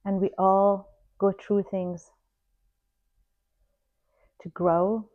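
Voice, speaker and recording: Forties woman from Iran, earnest personal vlog, middle pitch, slightly muffled lo-fi recording. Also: level tone. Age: 40s. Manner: slow, reflective, heartfelt. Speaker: vlogger. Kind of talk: personal life story told to camera. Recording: slightly dull lo-fi sound.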